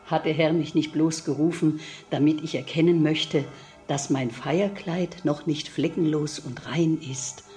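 An actress playing a pious older mother who talks of faith and gently admonishes her children, in a classic radio play. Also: sits low, fairly even intonation, a little slow. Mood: devout. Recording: radio drama with faint music.

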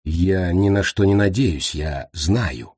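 A man voicing a calm sorcerer prince who speaks quietly and measuredly. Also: low-pitched, slow pace, breathy edge, full character voice. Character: calm male sorcerer prince, cold and patient.

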